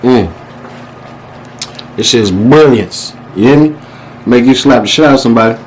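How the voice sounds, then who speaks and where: A man's voice: medium pitch, normal speed, a little hiss or hum, rough recording. A man hosting a casual eating show, talking with his mouth busy in a playful, exaggerated, slangy and profane way. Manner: talks while eating. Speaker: vlogger hosting a mukbang.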